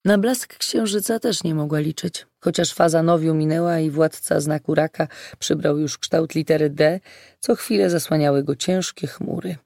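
A narrator reads the story in a steady, measured way, with a gravelly grain to the voice. The recording is dry and close, with no room sound. The pitch sits at a middle level. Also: no room sound. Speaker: audiobook narrator. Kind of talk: scripted narration.

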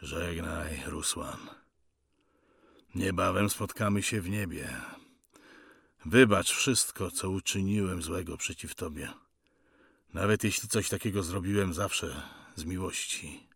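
A man voicing an older captive father who speaks quietly and solemnly to his son in a storybook reading. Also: low voice, measured pace, breathy edge, no room sound, studio quality, exaggerated voice. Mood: solemn farewell. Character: older male captive fighter, calm, proud father.

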